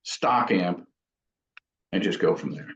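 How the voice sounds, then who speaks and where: Speaking slowly in a low voice, a man answers interview questions as a guest craftsman, a builder of guitar amps. His replies are casual, full of thinking aloud and self-correction. There's a bit of hiss or hum over a roomy, dull lo-fi sound.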